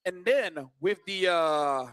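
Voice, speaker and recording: A man's voice: sits high, lively intonation, slow pace, fairly bright tone, clear, resonant tone, no room sound. A young man from Malaysia, an esports caster giving analysis on a live desk and restarting phrases as he thinks.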